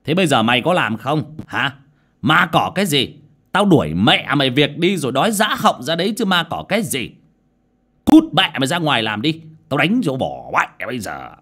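Man doing a mean foul-mouthed boss guy, middle-aged, bossy, low voice that swoops up and down. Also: animated, normal speed, mellow, breathy edge, full character voice. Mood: furious. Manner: bullying, cursing, barking orders. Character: coarse bad-tempered male contractor boss, middle-aged.

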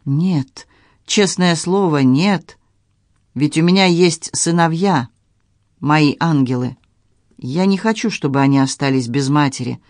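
A guilty, rattled businessman, read by a male narrator who speaks in halting, pleading phrases. The voice is a little high for a man, and it is recorded dry and close. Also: no echo, natural voice. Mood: shaken, pleading. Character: shaken, guilty middle-aged businessman.

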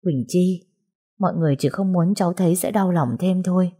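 A woman voicing a gentle older aunt who soothes and hesitates in an audiobook. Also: fairly low pitch, brisk, husky. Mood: consoling. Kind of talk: audiobook dialogue.

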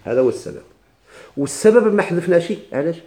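A man with a Moroccan Arabic accent teaching a recitation class. He asks the class questions, answers them himself, and repeats words slowly with many restarts. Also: fairly high pitch, animated, warm tone. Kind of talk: classroom lesson explaining a text.

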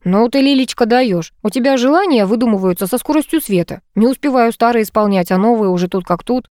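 A woman's voice: on the high side, brisk, a little mellow, no room sound, voice pushed up, natural voice. A good-humoured man in his thirties, coaxing and joking with his partner, read out by a female narrator in her own voice. The recording is dry and close. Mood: cajoling.

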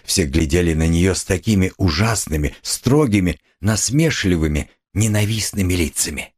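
A male audiobook narrator reads a classic novel with drama. His husky voice rises and falls with a lot of life, at a middle pitch. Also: moderate pace. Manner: dramatic, expressive reading. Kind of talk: scripted literary narration.

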